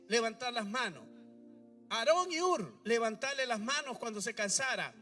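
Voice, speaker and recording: A pastor delivers a sermon in a very high, bright and forceful voice. He drives his points with rhetorical questions and asks the congregation to repeat after him. The mic sits far from him, with soft music underneath. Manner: preaching with rhetorical questions and call-and-response prompts. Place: church. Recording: distant mic with faint music behind.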